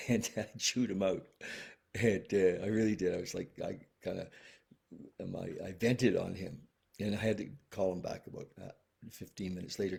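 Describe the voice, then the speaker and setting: A man hosting a recovery video from home, talking casually and gently, with many restarts, and apologetic. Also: sits low, vocal fry, breathy edge. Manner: rambling, many restarts and fillers. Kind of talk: casual heartfelt talk. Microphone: webcam video stream.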